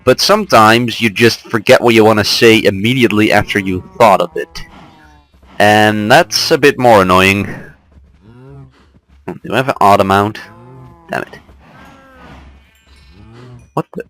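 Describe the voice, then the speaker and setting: A man's voice: lowish voice, unhurried, long pauses, a bit bright, faint music behind, poor audio. A young man chatting casually and rambling with amusement as he plays and comments on a game. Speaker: let's play host.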